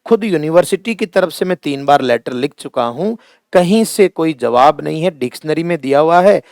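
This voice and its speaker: A man's voice: on the high side, expressive, vocal fry, darkish tone, dry recording, studio quality. A middle-aged man teaching a classroom lesson at a board, speaking with a Hindi accent, drawing out words to stress how they sound and calling his students fondly by family terms. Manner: slow, emphatic, drawn-out words when stressing pronunciation; addresses students fondly as "beta" and "bhaiya".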